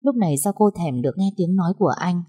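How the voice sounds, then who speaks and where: A woman narrating a story in a calm, measured reading voice. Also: on the low side, husky.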